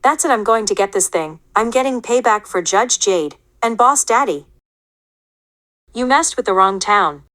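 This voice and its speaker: Feisty high-pitched avenging heroine played by a woman. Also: sing-song, a little fast, hardly any pauses. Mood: indignant, vengeful. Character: indignant vengeful town defender woman. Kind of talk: scripted comedic toy skit. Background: music.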